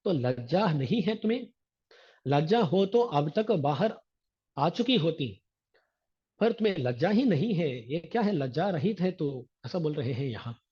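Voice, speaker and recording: Religious teacher guy explaining verses w everyday examples, a bit high voiced, muffled lo-fi audio. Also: very animated, slightly rough. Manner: recites scriptural verses slowly. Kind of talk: devotional discourse explaining verses. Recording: dull lo-fi recording.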